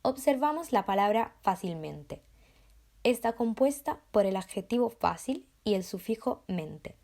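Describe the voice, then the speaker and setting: A woman reading a scripted grammar explanation as a student presenter, calm and careful as she goes through rules and examples. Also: mid-range voice, unhurried, gravelly.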